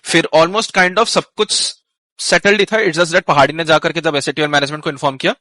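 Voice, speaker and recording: A man's voice: a little high, fairly even intonation, moderate pace, pushed and bright, no echo. A man recounting a team dispute on a live stream in casual Hinglish, mixing English phrases into his Hindi. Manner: conversational storytelling, with fillers and restarts. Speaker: esports team manager.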